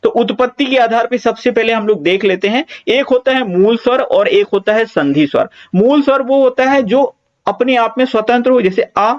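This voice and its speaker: A man's voice: very high-pitched, moderate pace, highs cut off. A man teaching an exam-prep Hindi grammar lecture, explaining patiently, repeating key points and drawing out example vowel sounds, with casual reassuring asides.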